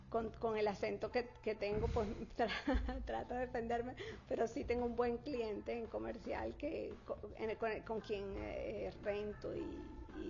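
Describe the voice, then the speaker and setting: In a dull, lo-fi recording, a Spanish-speaking woman who works as a real estate consultant in Florida responds to interview questions. She talks fluently with frequent fillers and restarts, in a medium-pitched, darkish voice with vocal fry.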